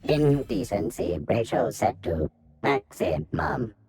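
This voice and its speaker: A man's voice: mid-range voice, sing-song, takes it slowly, creaky, background noise, exaggerated voice. An actor voicing a male robot drink vendor that is booting up and announcing its system status in stiff machine phrases, with a robotic filter on the voice. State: booting up, loading its program. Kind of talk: video game character dialogue.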